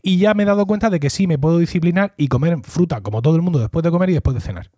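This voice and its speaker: A middle-aged podcast host chats casually, acting out quoted dialogue as he tells a story. His voice is fairly high and mellow, he talks at a racing pace, and the studio recording is clean with no room sound.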